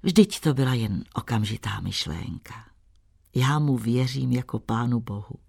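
A man's voice: medium pitch, expressive, gravelly, darkish tone, breathy edge. A man voicing a tender anxious village girl. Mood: longing.

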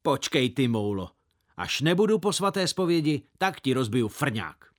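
A man's voice: medium pitch, sing-song, natural voice. A man voicing a sulky, prim village boy who speaks sanctimoniously and makes threats. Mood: grumbling threat. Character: sulky pious village boy, just after confession.

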